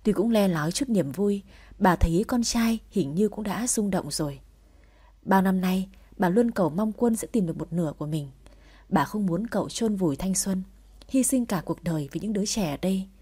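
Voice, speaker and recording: Woman storyteller, mellow and a touch breathy, narrating and voicing lines lightly. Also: mid-range voice.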